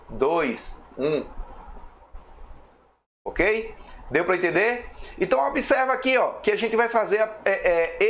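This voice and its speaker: A man's voice: a little high, fairly bright tone. Man teaching math step by step. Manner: explains step by step, counting slowly, checks in with "ok?" and "tá?". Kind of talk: recorded math video lesson.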